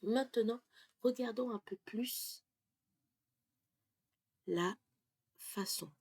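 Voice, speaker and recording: A woman gives a pronunciation lesson at a very slow, careful pace. Her voice is gravelly and somewhat husky. She often sinks into half-whispers while writing. The recording is dry and close. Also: fairly high pitch, a little mellow, dry recording. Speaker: French pronunciation teacher.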